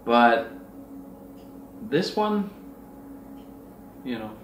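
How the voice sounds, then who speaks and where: A middle-aged man, an outdoor outfitter and Sasquatch researcher, tells rambling anecdotes in a casual, earnest, conversational way. His mid-range voice is very animated but very slow. The mic is distant, with roomy echo, slight background noise, and faint music.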